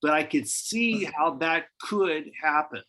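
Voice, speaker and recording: A man with a somewhat high voice leads a church Bible study. He talks in a relaxed, musing way, often restarting his sentences as he thinks aloud. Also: takes it slowly, poor audio. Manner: conversational, speculative, many restarts. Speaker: pastor.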